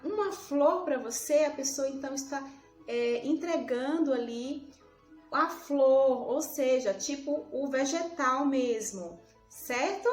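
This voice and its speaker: A woman teacher giving a school lesson, drawing out words slowly and checking in with questions to the pupil. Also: high voice. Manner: slow, drawn-out syllables, repeats words aloud; asks the pupil questions, says "certo?". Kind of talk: recorded remote school lesson. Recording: roomy echo, faint music behind.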